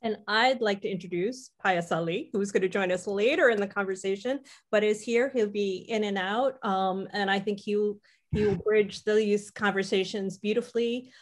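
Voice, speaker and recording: A woman's voice: medium pitch, moderate pace. A woman co-host introduces a guest on a video call, enthusiastic and full of praise. Her voice sits in a middle range and her delivery is easy and casual. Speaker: event co-host.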